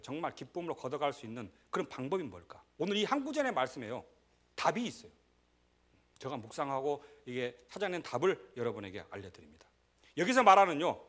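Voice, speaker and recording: Lively, bright-voiced male preacher. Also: on the high side. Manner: animated, conversational preaching with sudden shouts and laughs. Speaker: pastor. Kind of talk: sermon.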